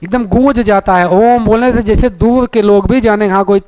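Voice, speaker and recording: Male teacher, high pitch, lecture delivery, poses questions and answers them himself. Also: normal speed, a little mellow, smooth. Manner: draws out vowel sounds to demonstrate them. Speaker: Sanskrit grammar teacher. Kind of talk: classroom-style lecture.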